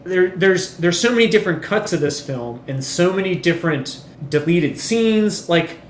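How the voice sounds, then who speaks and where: A man's voice: high-pitched, expressive, moderate pace. Rambling, swearing man in an echoey room. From Chile. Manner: rambling, swears often, many ums. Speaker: podcast co-host. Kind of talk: casual chat. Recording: echoey room, faint noise.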